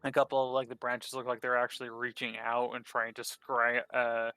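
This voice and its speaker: Hesitant male game master, bright tone. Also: medium pitch, monotone, normal speed, clear, resonant tone, no room sound, soft background music. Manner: hesitant, many fillers and restarts. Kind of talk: narrating a tabletop game.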